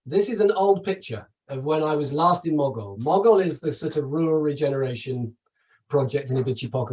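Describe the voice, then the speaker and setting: A middle-aged man from the UK talks through a webinar slideshow in a chatty, enthusiastic way, full of asides and quick restarts. His voice sits in an ordinary middle register. It sounds a little distant from the microphone. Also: mid-range voice, darkish tone. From United Kingdom. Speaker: travel company presenter. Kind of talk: webinar presentation over slides.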